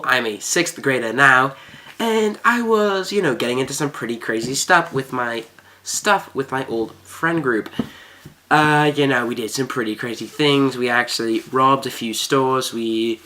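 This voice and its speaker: A video host with a bright, forceful voice spins a story for viewers. The delivery is exaggerated and mock-serious, stretching key words for emphasis. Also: mid-range voice. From Melbourne, Australia. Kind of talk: vlog storytime, addressed to viewers.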